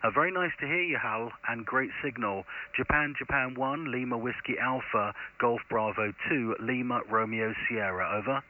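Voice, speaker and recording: A man's voice: medium pitch, normal speed, hardly any pauses. A man making a ham radio contact over a crackly two-way radio, using phonetic callsigns. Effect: crackly two-way radio transmission. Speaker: amateur radio operator. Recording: thin narrow-band shortwave radio.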